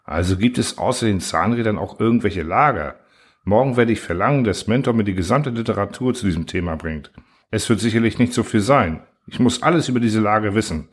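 A man's voice: fairly low pitch, lively intonation, fairly quick, husky. A man voicing a bewildered young man with an extraordinary memory, hesitant and brooding.

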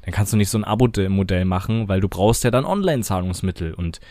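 A man co-hosting a podcast in casual chat, talking emphatically and quick to disagree. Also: deep voice, expressive, dark tone, no room sound, clean studio sound. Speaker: podcast co-host.

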